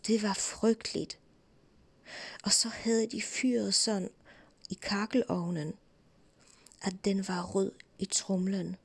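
A woman telling a fairy tale in whispered role-play, in a soft unvoiced whisper close to the mic. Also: mid-range voice, level tone, pauses often, slightly rough. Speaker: storyteller.

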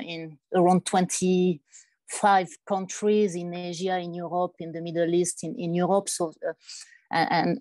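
Mellow, low-voiced woman on a business panel. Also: no room sound. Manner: hesitant, many restarts and fillers. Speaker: startup executive on a panel. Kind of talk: panel discussion.

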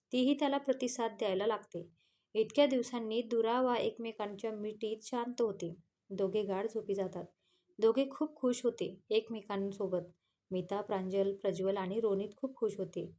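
A woman's voice: medium pitch, dark tone. A woman with a Marathi accent reading a romance story aloud, voicing every character's lines in her own voice between plain narration tags.

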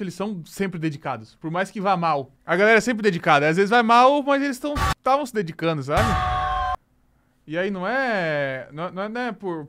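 Excitable high-pitched Brazilian man. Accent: Brazilian Portuguese. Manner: excitable, exclamatory, rambling. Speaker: streamer reacting to a trailer. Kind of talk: casual reaction commentary.

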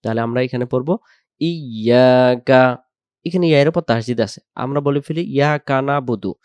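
A man teaching Quran pronunciation word by word. He draws out each word slowly in recitation, repeats it patiently, then explains quickly. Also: medium pitch, darkish tone, no echo. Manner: slow drawn-out recitation alternating with quick explanations.

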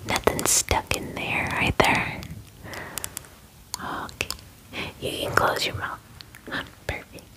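A woman in her twenties plays a spa groomer in an ASMR personal attention roleplay, whispering gently, soothingly and reassuringly at an unhurried pace. She is close to a microphone near the camera in a small indoor bedroom, and the audio quality is poor.

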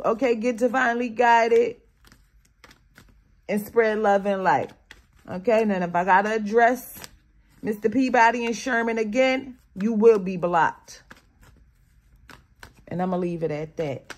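A woman with a high voice and a touch of morning voice gives viewers a spiritual reading in a loose, slangy way. She drops from low mutters into loud, animated bursts and keeps checking in with "okay?". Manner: emphatic, slangy, keeps tagging lines with "okay?". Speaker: spiritual card reader.

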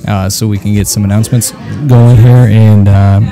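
A man's voice: fairly low pitch, fairly even intonation, moderate pace, over music. A man co-hosting a podcast at a running club dinner, talking in an upbeat, chatty way with lots of fillers. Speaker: podcast co-host. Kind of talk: casual chat.

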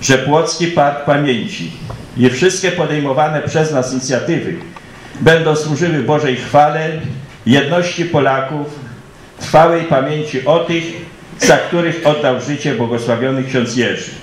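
A man's voice: a little high, measured pace, slight background noise. Solemn man giving an echoey ceremonial speech. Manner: solemn, formal, declamatory. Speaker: ceremony speaker welcoming guests. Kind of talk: formal commemorative welcome speech, read out.

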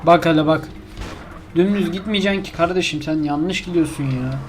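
A gaming YouTuber with a fairly high-pitched male voice talks at a moderate pace over his own gameplay, with slight background noise. His commentary is casual, and he grows exasperated, grumbling to himself as he keeps failing.

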